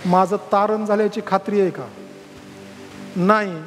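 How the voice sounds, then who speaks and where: High-voiced man preaching in a reverberant hall. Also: steady tone, unhurried, music in the background. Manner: fervent preaching that climbs to loud calls. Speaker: pastor. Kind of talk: sermon. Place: church hall.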